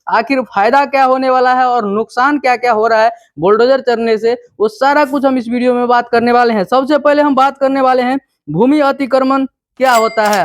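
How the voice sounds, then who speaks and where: Very high-pitched and recorded in clean studio sound without any room sound, a Bihari-accented man explains land law in an informal video. His manner is didactic and repetitive, moving step by step and answering his own questions.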